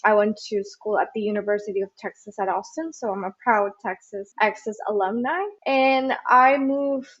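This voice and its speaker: Young woman from Venezuela, podcast guest, relaxed and chatty, slightly dull lo-fi recording. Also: mid-range voice, normal speed, hardly any pauses. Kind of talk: casual interview chat.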